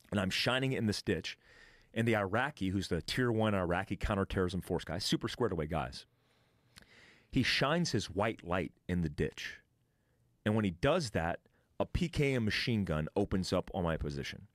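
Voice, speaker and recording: A man recounts combat as a podcast guest in a blunt, profane, casual way, stumbling into restarts and mimicking gunfire with his voice. His voice sits a little low. The sound is close and dry, with no room around it. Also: no echo. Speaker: podcast guest, military veteran. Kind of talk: casual storytelling.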